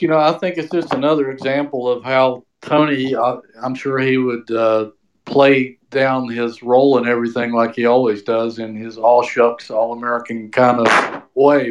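A man calling in over the phone as a guest sports reporter, telling a story in a relaxed, rambling way. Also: mid-range voice. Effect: heard over the phone. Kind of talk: phone-in interview. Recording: dull phone-line sound.

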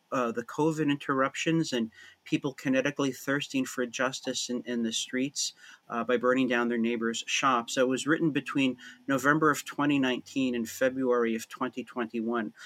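Male guest, priest-author, animated and witty, bright timbre. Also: medium pitch. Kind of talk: conversational interview.

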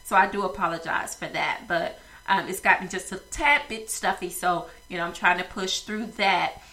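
Bright-voiced woman with a stuffy nose. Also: fairly low pitch, fairly even intonation, normal speed, low-quality recording. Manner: rambling with many fillers. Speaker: podcast host. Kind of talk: casual podcast talk.

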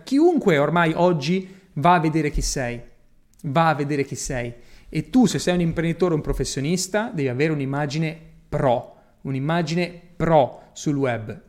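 A man giving an energetic, emphatic motivational talk about going digital, repeating his key points. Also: on the high side. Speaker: digital business coach.

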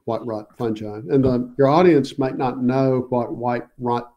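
A man's voice: mid-range voice, steady tone, measured pace, lo-fi sound. A man being interviewed as a guest researcher, explaining patiently with many hesitations and fillers. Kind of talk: casual interview.

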